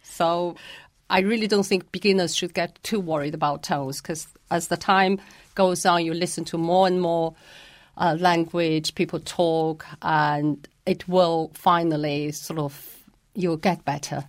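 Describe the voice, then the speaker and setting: Slow, patient woman language teacher. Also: fairly low pitch, steady tone, no room sound. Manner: patient, careful, demonstrates pronunciations. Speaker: Mandarin teacher. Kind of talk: explanatory interview answers.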